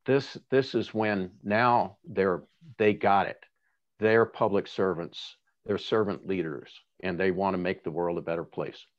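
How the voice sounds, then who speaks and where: A man with a fairly low voice talks with earnest passion, stumbling and restarting as he makes his case. The sound is dull and lo-fi, as if coming through a video call. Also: fairly even intonation, unhurried. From Seattle area. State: tearful at times. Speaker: candidate for city attorney. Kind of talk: endorsement interview.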